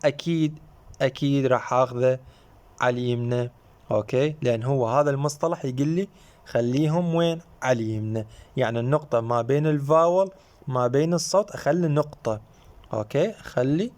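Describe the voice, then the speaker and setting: A man's voice: medium pitch, darkish tone. A man with an Iraqi Arabic accent giving a recorded university phonetics lecture, often repeating himself, asking rhetorical questions and mixing in English terms. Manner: repetitive, checks in with rhetorical questions; mixes English terms into explanation.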